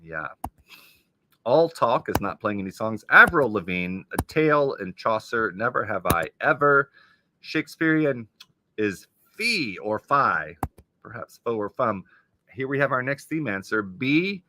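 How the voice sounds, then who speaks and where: A man's voice: fairly low pitch, animated, a little slow, sharp tone, a little hiss or hum. A man hosting a casual live stream, reading crossword clues aloud and chatting about them as he goes.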